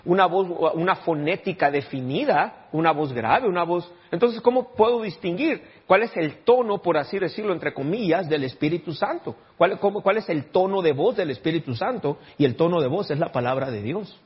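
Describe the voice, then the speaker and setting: A man's voice: a little high, expressive, moderate pace, hardly any pauses, slightly rough, highs cut off. A male pastor preaching a sermon, often turning to the congregation with questions. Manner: keeps asking the congregation rhetorical questions.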